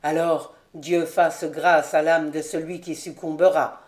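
Woman reader doing a somber young nobleman, low, grave, proud. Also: level tone, measured pace, darkish tone.

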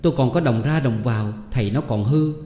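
A man's voice: mid-range voice, a little fast, warm tone, natural voice. A man voicing a wailing, wronged wife in an echoey room. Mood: bitter. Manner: wailing, pleading, raised and strained. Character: distressed wife of a thieving husband, woman. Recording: echoey reverberant room, faint ambience.

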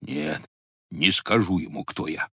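A man's voice: sits low, sing-song, measured pace, creaky, pushed and bright, breathy edge, dry recording, clean studio sound, full character voice. A man doing a muttering, sly old Cossack. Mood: grumbling. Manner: muttering to himself, grumbling.

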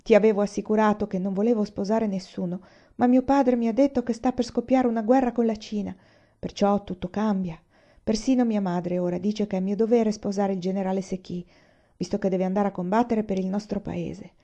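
A woman reading aloud the letter of a young woman resigned to an arranged marriage, in a calm, even tone, on a dull lo-fi recording. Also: mid-range voice, a little fast, close to an everyday voice. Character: young Japanese woman writing a farewell letter. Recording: dull lo-fi sound.

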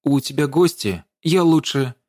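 A man's voice: a little high, animated, a little slow, no room sound, clean studio sound, voice pushed up. A man doing a timid, frightened young woman. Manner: hushed and shy.

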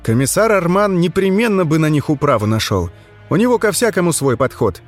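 A man's voice: a little high, very animated, fairly quick, pitched above the performer's own voice. A mild, bookish male companion with a slightly raised voice, as a narrator puts him on in an audiobook. Matter-of-fact, over faint music.

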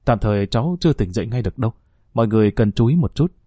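A calm, measured emergency doctor who cautions a worried family, as a male storyteller voices him. The tone is dark and mellow, and the recording is close and dry. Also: lowish voice, husky, no echo.

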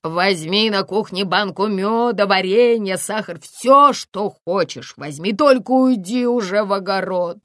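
A woman's voice: mid-range voice, measured pace, hardly any pauses, a bit bright, no room sound, clean studio sound, close to an everyday voice. A woman voicing a middle-aged village healer in an audiobook, coaxing and motherly in tone. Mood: pleading.

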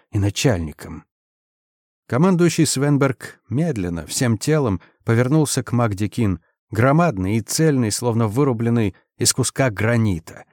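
A man narrating an audiobook in an even, measured reading. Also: mid-range voice, no echo, studio quality. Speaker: audiobook reader. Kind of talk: scripted narration.

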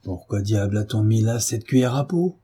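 A man reading aloud, voicing a brutal middle-aged father who shouts roughly and sarcastically. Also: lowish voice, lively intonation, normal speed. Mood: furious, gruff.

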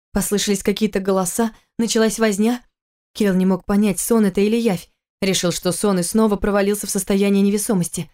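Woman reading an audiobook, steady even storytelling voice. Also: medium pitch. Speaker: audiobook narrator. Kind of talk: scripted narration.

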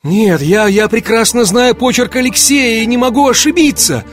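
A man's voice: high voice, lively intonation, moderate pace, music in the background, pitched above the performer's own voice. A man voicing a distraught young woman. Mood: frantic. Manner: pleading, voice rising in alarm. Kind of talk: audiobook character reading.

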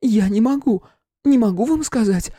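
A man doing a shrill, panicky young clairvoyant woman. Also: brisk, warm tone, no room sound, studio quality, lightly acted. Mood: frightened. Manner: shrill, breathless, pleading. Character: frightened distraught young female clairvoyant. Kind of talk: audiobook character voicing.

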